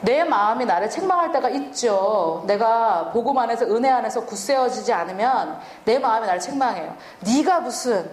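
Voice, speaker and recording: A woman's voice: on the high side, expressive, a little fast, few pauses, echoey room. A woman preaching a sermon and teaching from the Bible, asking the listeners questions and answering them herself.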